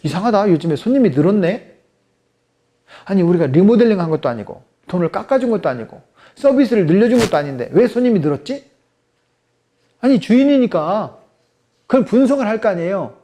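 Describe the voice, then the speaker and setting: A man's voice: high voice, big pitch swings, brisk, long pauses, dark tone. A man voicing a chatty middle-aged woman who runs a hair salon, telling her story in a matter-of-fact way. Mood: puzzled.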